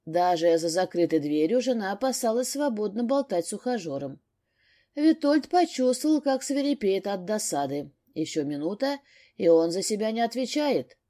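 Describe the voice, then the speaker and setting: A woman narrating a novel in a steady storytelling manner. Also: medium pitch, normal speed. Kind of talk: audiobook narration.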